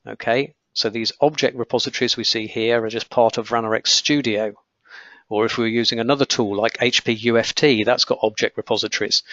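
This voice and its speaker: A croaky-voiced man teaches a live webinar on software testing, explaining as he clicks through screens and saying "okay" and "um" a lot. His pitch is medium, and the lo-fi recording has no echo.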